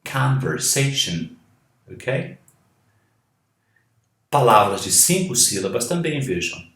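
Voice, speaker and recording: A man's voice: lowish voice, fairly bright tone. A man with a Brazilian Portuguese accent, an English teacher giving a pronunciation lesson who models words, spells them out and repeats them to explain. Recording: echoey room.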